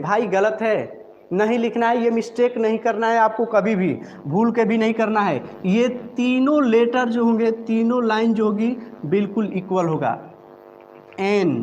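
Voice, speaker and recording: A man teaching a live online spoken-English class, drilling letters and words slowly and carefully in front of a board. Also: very high-pitched, a little mellow. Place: room with a board. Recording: long reverb, faint room noise.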